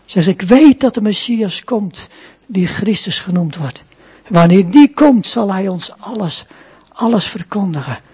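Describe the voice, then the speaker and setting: An earnest male preacher delivers a sermon and then a prayer, often tacking short questions onto his sentences. His voice is very husky and dark. The recording sounds dull and muffled. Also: high-pitched, lively intonation, measured pace. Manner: earnest, often adds a soft tag question.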